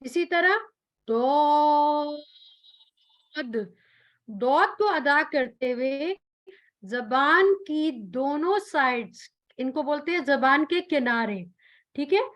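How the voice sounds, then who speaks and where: Female recitation teacher, high and slow, patient explainer who lingers on each letter sound. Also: lively intonation, a bit bright. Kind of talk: tajweed pronunciation lesson.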